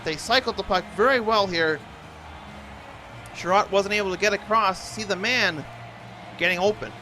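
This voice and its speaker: A man's voice: high-pitched, sharp tone, rough recording. A man doing hockey play-by-play commentary in an imitation of a TV sports announcer.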